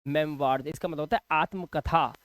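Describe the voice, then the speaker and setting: A man teaching English pronunciation in a classroom style. He asks questions, answers them himself and repeats each example word slowly. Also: high voice, animated, dry recording. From India.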